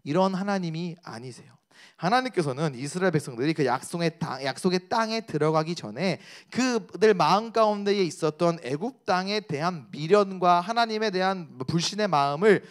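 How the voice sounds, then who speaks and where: A man's voice: high-pitched, animated, moderate pace. A man preaching a sermon to a youth service, acting out people's complaints with drama. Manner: dramatic, acts out quoted complaints. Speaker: youth pastor. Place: church service.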